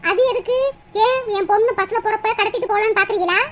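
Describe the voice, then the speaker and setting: A voice actor playing a proud, wealthy village mother in a cartoon comedy, scolding in a shrill, rapid way. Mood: haughty.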